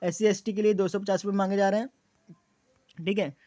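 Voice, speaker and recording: High-voiced man explaining exam rules. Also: little pitch movement, brisk, warm tone, dry recording. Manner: repeats key points as questions and answers; frequent fillers. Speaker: exam coaching YouTuber. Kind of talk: explaining exam details to students.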